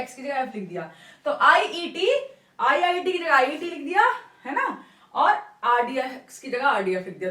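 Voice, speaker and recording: High-voiced woman teacher in an echoey room. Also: fairly bright tone, distant mic. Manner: explains step by step, checks in with "theek hai". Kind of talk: Hindi lecture with English terms.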